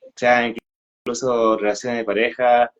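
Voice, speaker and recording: A man's voice: mid-range voice, level tone, a little slow. A man talking casually in a live conversation, hesitant and searching for words. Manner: hesitant, many restarts and fillers. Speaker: co-host. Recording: dull lo-fi sound.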